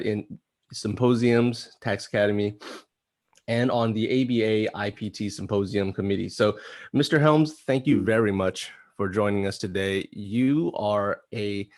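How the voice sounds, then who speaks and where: A man co-hosting a business podcast, reading a guest's long biography with many fillers. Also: on the low side. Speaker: podcast co-host introducing a guest.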